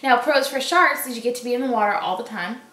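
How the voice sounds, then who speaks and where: A woman's voice: on the high side, fast talker, a bit bright. A woman in her twenties with a light Boston accent, chatting casually and playfully in slangy speech. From Boston area, United States. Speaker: vlogger reading out challenge questions. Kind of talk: casual chat. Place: small room at home, indoors. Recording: roomy home echo.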